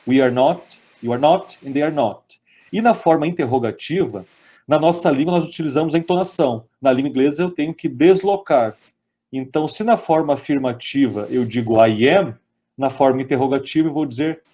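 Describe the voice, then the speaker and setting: In a webinar grammar lesson, a man with a Brazilian Portuguese accent explains things one step at a time. His voice is warm and sits in the middle range, and he slows down to read the English examples.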